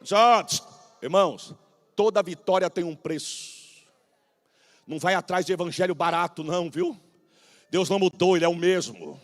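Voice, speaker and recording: A man in his forties from Brazil, a pastor preaching to a congregation, moving between quiet storytelling and shouted fervor. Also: sits high, normal speed, pauses often. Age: 40s. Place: church sanctuary.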